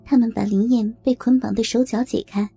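A woman reads a story aloud at a steady pace. Her voice is somewhat high yet mellow and husky, with soft music playing quietly under her. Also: brisk. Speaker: narrator. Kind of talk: audio story reading. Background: faint background music.

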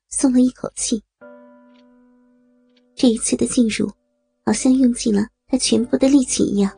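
A woman narrates an audio story in a slow, steady reading voice. Her tone is dark and very husky, with a gravelly creak and faint music underneath. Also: fairly high pitch.

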